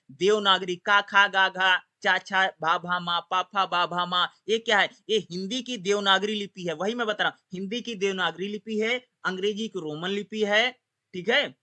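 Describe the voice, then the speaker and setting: A man with a high, very bright, ringing voice gives a classroom-style lecture. He keeps asking a question and answering it himself, circling back over each point with checks like "okay". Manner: repetitive, asks rhetorical questions then answers them. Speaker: teacher. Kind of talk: explanatory Hindi lecture.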